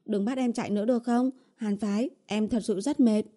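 Casting: woman reading a pleading young woman in an audiobook, coaxing and whiny, with a mellow dark tone. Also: on the high side, steady tone, fairly quick, voice pushed up, natural voice. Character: young woman, coaxing and whiny, sweet-talking her boyfriend. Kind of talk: audiobook character voice.

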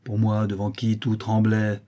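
A man's voice: fairly low pitch, completely flat delivery, unhurried, warm tone. A man doing a blind vengeful brigand. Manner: growling, bitter, menacing. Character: blind old male brigand, brutal and vengeful.

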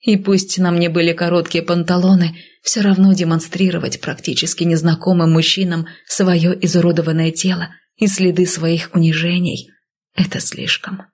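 A woman narrating a first-person audiobook with a husky, gravelly voice and an intimate, often hushed delivery. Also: on the low side, flat delivery, normal speed.

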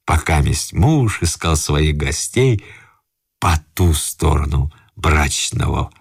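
A man reading classic literature aloud on the radio in an expressive storytelling manner. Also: very deep voice, takes it slowly, gravelly, slightly rough, dry recording, studio quality. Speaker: reader. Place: radio studio.

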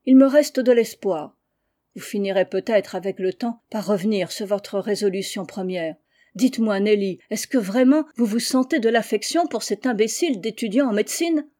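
A woman's voice: mid-range voice, normal speed, dark tone, natural voice. A woman reading the part of an earnest, pleading young man who turns bitter, in an audiobook. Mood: hopeful. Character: young male suitor, earnest then sulky.

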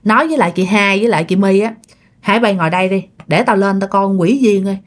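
A woman's voice: mid-range voice, fast talker, close to an everyday voice. A woman voicing a friend who bossily scolds the group in a ghost story. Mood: irritated. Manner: bossy, blunt. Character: impatient young woman scolding her friend.

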